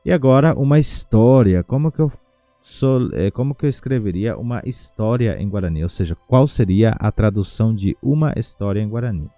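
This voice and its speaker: A man teaching a language lesson from home, breaking words into syllables and repeating them slowly. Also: fairly low pitch, animated, mellow, dry recording, faint music behind. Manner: slow, syllable-by-syllable pronunciation drills. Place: home without a studio.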